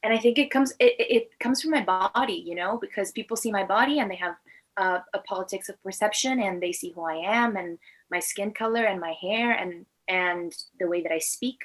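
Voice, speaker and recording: A woman in her twenties from Venezuela, Latin America, a native Spanish speaker, answers interview questions in a conversational way. She is an actor and filmmaker appearing as a guest, and her mid-range voice moves at a brisk clip.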